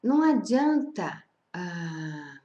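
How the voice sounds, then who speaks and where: A woman leads a spiritual study group in an informal teaching talk, repeating phrases as she checks in with her listeners. Her lowish voice is sing-song, extremely slow and mellow, with the highs cut off and a roomy echo in the recording.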